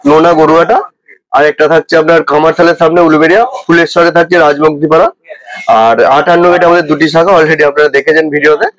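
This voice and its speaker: Male shop representative, West Bengal accent. Rapid, unscripted interview explanations, slightly raised pitch. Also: little pitch movement, fairly bright tone, dry recording, rough recording.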